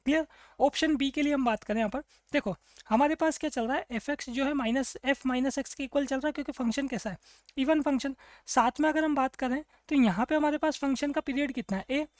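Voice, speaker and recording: Fast-talking high-voiced woman math teacher. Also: dry recording. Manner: asks and answers her own questions, "clear?" checks. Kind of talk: explaining a math problem on a board.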